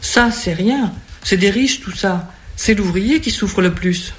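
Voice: mid-range voice, slow, lightly acted. A reader voicing a gloomy, bitter working-class stranger who grumbles about hard times.

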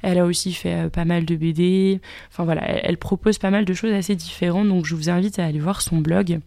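Woman, radio book columnist, fast talker, hesitant with self-corrections, mellow voice, dry studio sound. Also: on the low side, no room sound.

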